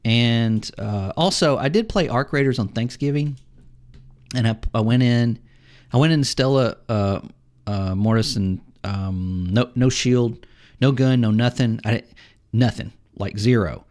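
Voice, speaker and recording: A middle-aged man co-hosting a casual podcast about video games. He tells long, rambling stories and jumps into lively acted-out quotes of other players. His voice sits at an ordinary middle pitch. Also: a little slow. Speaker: podcast co-host.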